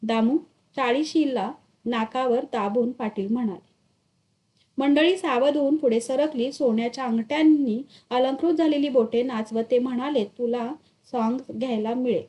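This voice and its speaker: Mellow-voiced woman reading a story. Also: sits high, moderate pace. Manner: expressive, dramatic storytelling. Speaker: story reader. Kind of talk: reading a literary short story aloud.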